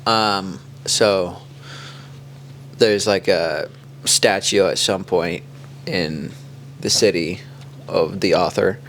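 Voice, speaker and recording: A man from the Kansas City area co-hosts a podcast, his voice sitting on the low side. He tells stories in a relaxed, rambling way, leaning on fillers as he goes. Faint steady noise sits under the track. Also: takes it slowly, pauses often. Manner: relaxed storytelling, loose with "like". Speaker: podcast co-host. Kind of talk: casual chat.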